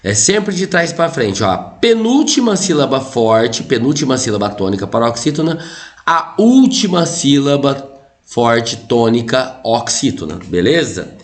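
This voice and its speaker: A Brazilian man teaches a grammar lesson online, in a voice that jumps up and drops down all the time. He keeps pointing at the board and checking that his students are following. His tone is chatty and energetic. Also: medium pitch, unhurried. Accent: Brazilian Portuguese. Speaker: Portuguese teacher.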